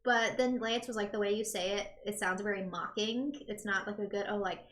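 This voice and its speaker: A woman's voice: medium pitch, brisk, a bit bright. A woman with a standard American accent chatting casually as a podcast co-host. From United States. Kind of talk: casual chat. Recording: roomy, echoey indoor sound.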